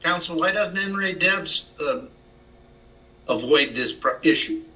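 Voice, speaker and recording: Bright-voiced male judge, slightly distant. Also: on the high side, a little slow. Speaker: presiding judge. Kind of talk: courtroom questioning and directions. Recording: dull, distant microphone pickup.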